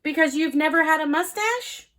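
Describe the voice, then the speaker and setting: A woman's voice: high voice, lively intonation, normal speed, fairly bright tone. A woman voicing a cheerful, silly narwhal superhero boy, reading a children's storybook aloud with a playful, joking manner.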